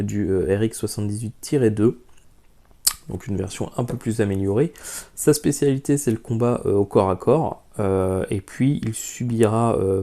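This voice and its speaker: A man with a lowish, warm voice hosts a casual unboxing vlog as a YouTube model-kit reviewer. He's chatty and hesitates a lot while giving frank opinions about the kit.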